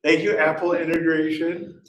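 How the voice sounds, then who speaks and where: A man's voice: fairly high pitch, fairly even intonation, moderate pace, fairly bright tone, highs cut off, a little hiss or hum. A man giving a casual conference talk, quizzing the audience and laughing at himself. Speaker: conference speaker. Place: conference room. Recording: echoey hall, voice heard from a distance at times.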